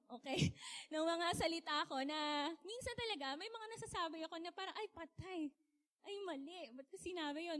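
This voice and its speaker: High-voiced chatty woman preaching. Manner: chatty, animated, laughs often, asks the audience. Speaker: speaker. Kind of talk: casual sermon talk.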